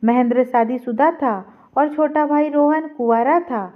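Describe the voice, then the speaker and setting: A woman storyteller reading a family story aloud in a steady, even way. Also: sits high, normal speed. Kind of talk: scripted story narration. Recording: dull lo-fi recording.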